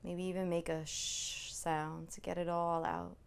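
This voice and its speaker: In a slow, soothing manner, a woman guides a body scan meditation, offering gentle reassurance and pausing at length. Her fairly low voice holds a level tone, gravelly yet clean.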